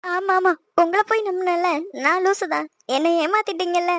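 A woman's voice: very high voice, fairly even intonation, moderate pace, fairly bright tone, dry recording, studio quality. A woman voicing a heartbroken young woman in a cartoon, pleading and wounded. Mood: bitter accusing. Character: heartbroken young woman in love, tearful, desperate.

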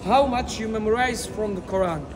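Holding a small wireless mic, a man in his thirties interviews people on camera in a busy mall, sprinkling in religious expressions. His voice sits high and moves at a moderate pace, with plenty of noise around him.

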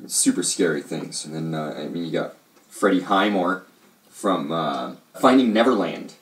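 A co-host on a casual show reviews a TV series, rambling with plenty of fillers and hedges. His low voice is animated at a moderate pace, picked up by a distant mic in a roomy space.

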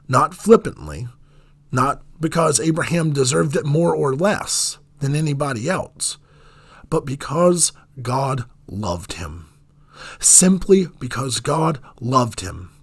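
A man preaching a sermon in an earnest, measured way, letting his voice drop on key phrases. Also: fairly high pitch, slightly rough.

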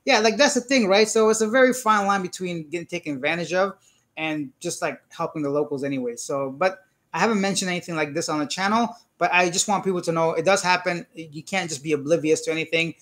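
Animated man telling a story, slightly higher voice. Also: fast. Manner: animated storytelling with frequent "I'm like" quotes; reads out chat comments and greets viewers. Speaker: livestream host answering viewer comments. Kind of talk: casual live Q&A chat.

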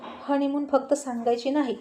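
An eager, impatient young husband, read out by a woman storyteller who coaxes and scolds by turns. The voice stays close to her own: fairly high and mellow. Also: flat delivery, moderate pace, a little hiss or hum, close to an everyday voice. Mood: coaxing. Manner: coaxing, then scolding.

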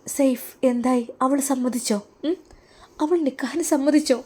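Woman doing an eager anxious wife, high pleading voice, keeps pushing. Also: normal speed, warm tone, breathy edge. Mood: urgent, pleading. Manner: high, urgent, pressing questions.

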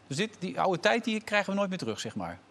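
A man's voice: high-pitched, sing-song, fast, gravelly, very noisy. A man hosting a TV talk show, teasing his guest with laughing questions. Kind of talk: casual studio chat. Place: TV studio.

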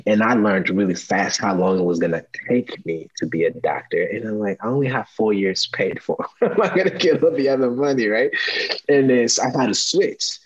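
A young man from Rwanda hosts a relaxed video-call interview. His voice is very deep and a little husky, and the call audio sounds slightly dull. He talks upbeat and casually, with frequent laughs. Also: a little fast. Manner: upbeat, laughs often, many "you know"s. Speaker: podcast host. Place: small room at home.

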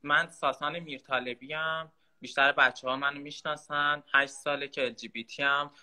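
A man's voice: fairly high pitch, steady tone, bright, forceful tone. A man in his twenties from Iran, a guest on a video call, talkative and playful. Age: 20s. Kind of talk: casual live-stream chat.

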